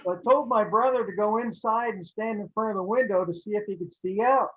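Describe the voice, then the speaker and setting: High-voiced man hosting a talk show. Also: brisk, a bit bright, muffled recording. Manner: chuckles while telling a story. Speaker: host.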